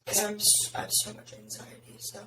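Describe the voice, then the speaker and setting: A young woman with a raspy voice, hosting a podcast and telling stories in casual chat full of "like" fillers. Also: fairly quick, a crowd in the background. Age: young adult. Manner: chatty storytelling, many "like" fillers. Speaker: podcast host. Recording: roomy echo, faint noise.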